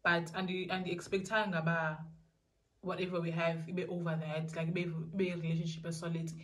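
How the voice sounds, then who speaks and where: Rambling young South African woman, slightly low. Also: level tone, brisk. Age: young adult. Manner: rambling, repeats herself. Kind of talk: casual question-and-answer vlog. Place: small indoor room.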